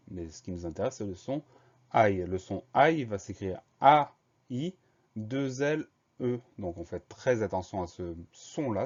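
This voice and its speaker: A man teaching a spelling lesson, spelling words out slowly, letter by letter. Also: on the low side, darkish tone. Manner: slow, careful letter-by-letter spelling. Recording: dull lo-fi recording.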